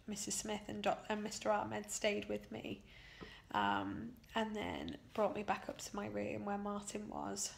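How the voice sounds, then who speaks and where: In a video diary, a British woman exhausted from surgery recounts what happened in a halting, emotional manner, stressing important words. She speaks with a mid-range voice and vocal fry, and there's a little hiss or hum on the recording.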